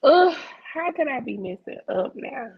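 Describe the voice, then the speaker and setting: A woman's voice: high voice, very animated, normal speed, vocal fry, muffled recording. Woman on skipping, glitchy audio. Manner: laid-back, slangy. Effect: audio skipping and cutting out like a skipping CD. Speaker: podcast co-host. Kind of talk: casual podcast chat.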